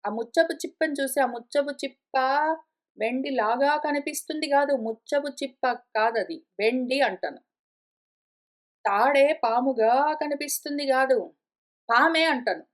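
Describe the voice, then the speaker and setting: A woman's voice: sits high, unhurried. A woman with a Telugu accent giving a spiritual lecture, explaining emphatically and repeating points, acting out objections. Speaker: teacher of Sanskrit philosophy.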